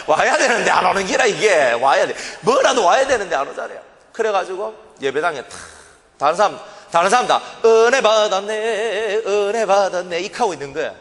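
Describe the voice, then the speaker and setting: A man's voice: sits high, sing-song, a little fast, fairly bright tone. A male pastor with a Gyeongsang accent, preaching a sermon as dramatic personal testimony and acting out his old prayers. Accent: Gyeongsang Korean. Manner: dramatic storytelling, acts out his own past prayers and crying. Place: church sanctuary. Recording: long reverb of a church hall.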